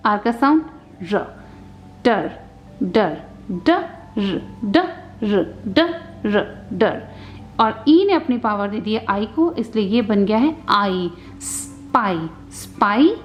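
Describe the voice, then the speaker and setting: Indian woman phonics teacher, slow deliberate delivery, fairly high voice, soft music behind. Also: highs cut off. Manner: sounds out letters slowly, mixes English in. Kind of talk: slow patient phonics lesson.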